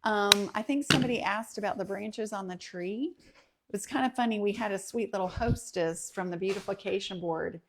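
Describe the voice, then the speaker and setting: A woman's voice: mid-range voice, normal speed, background noise. Woman home vlogger, casual livestream host, lots of ums while reading comments. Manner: chatty, with many ums, reads comments aloud. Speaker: host of a home and kitchen channel.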